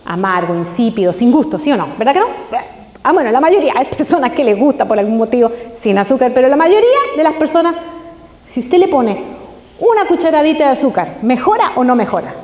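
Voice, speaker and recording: A woman giving a live health talk to an audience, asking it many quick questions. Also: high voice, big pitch swings, darkish tone. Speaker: health speaker. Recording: echoey hall.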